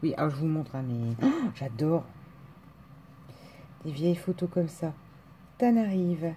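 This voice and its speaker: A woman's voice: deep voice, lively intonation, measured pace, mellow, slight background noise. A woman in a casual chat, opening mail on camera, gushing and exclaiming as she goes, with lots of fillers.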